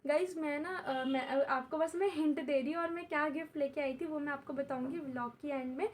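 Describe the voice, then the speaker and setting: A young woman with a high, light voice talks casually to her viewers from home, repeating herself as she goes. She is unwell and in pain, and a faint room hiss runs under her voice. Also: brisk. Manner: chatty, repeats herself, addresses viewers as guys. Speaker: vlogger and tuition teacher. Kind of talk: casual vlog talk to camera. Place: at home while her mother does her hair.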